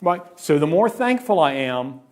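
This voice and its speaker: A middle-aged male pastor preaching in a church, his voice a little higher than most men's. He talks to the congregation like a conversation and keeps asking "right?" Now and then he acts out someone's worried inner voice with sudden high jumps in pitch. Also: sing-song, moderate pace, darkish tone. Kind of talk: sermon.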